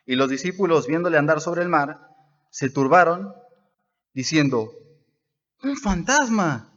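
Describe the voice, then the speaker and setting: Man, pastor, sermon, emphatic delivery, somewhat high voice, muffled lo-fi church recording. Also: moderate pace, a bit bright. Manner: emphatic, rising and dropping for stress. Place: church service.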